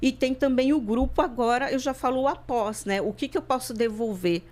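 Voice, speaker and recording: A woman's voice: sits high, fairly quick, a little mellow. A woman from Brazil, a therapist guest on a podcast, telling her story in a reflective way, often repeating and restarting words. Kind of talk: personal interview talk.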